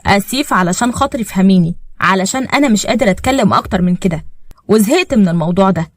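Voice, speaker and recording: A woman's voice: mid-range voice, animated, rapid-fire, no echo, lightly acted. A woman with an Egyptian accent voicing a confused husband who has lost his memory, defensive and pleading by turns.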